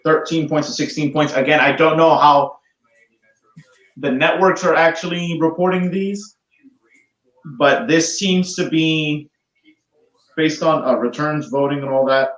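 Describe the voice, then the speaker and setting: A man's voice: a little high, a bit bright. Man on a tinny tin-can remote mic. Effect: tinny tin-can sound from a poor remote microphone. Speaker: podcast co-host calling in remotely. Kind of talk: casual chat, then mock news-anchor commentary. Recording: echoey, dull lo-fi remote mic.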